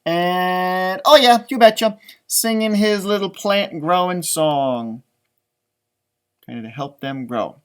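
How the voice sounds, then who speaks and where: With a clean, high-sitting voice that takes its time, an American man reads a picture book aloud like an elementary music teacher, stretching words and giving simple, conversational explanations.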